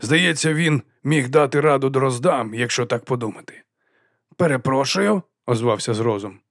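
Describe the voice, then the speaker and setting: A man voicing a blustering older male archchancellor wizard who rambles at an unhurried pace. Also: mid-range voice, a bit bright, dry recording, clean studio sound. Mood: musing.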